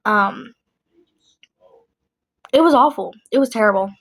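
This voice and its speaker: A woman's voice: on the high side, unhurried, vocal fry, a bit bright, low-quality recording. A young adult woman vlogging in a casual, rambling chat, blunt and emphatic, often repeating herself.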